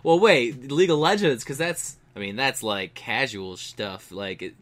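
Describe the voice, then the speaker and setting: A young man co-hosting a casual gaming podcast, rambling and opinionated, quick to laugh. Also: mid-range voice, fairly bright tone. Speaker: podcast co-host. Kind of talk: casual chat.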